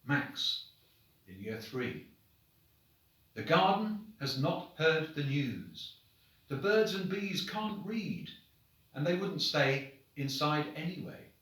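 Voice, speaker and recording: In a strongly reverberant room, a man sounds far from the microphone as he reads short stories aloud to children. He takes on a headmaster's manner toward pupils, with animated expression, a mid-range pitch, and slow, dramatic phrasing.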